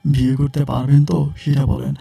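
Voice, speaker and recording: A man's voice: medium pitch, sing-song, moderate pace, creaky, dark tone, husky, exaggerated voice. Man quoting a stubborn, secretive young woman. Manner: insistent and blunt, repeats herself.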